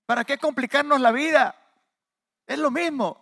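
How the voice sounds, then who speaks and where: A man's voice: very high-pitched, moderate pace, creaky, bright, forceful tone, pitched above the performer's own voice, exaggerated voice. A man voicing a dismissive ancient king who brushes off rules with mocking questions. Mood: scoffing.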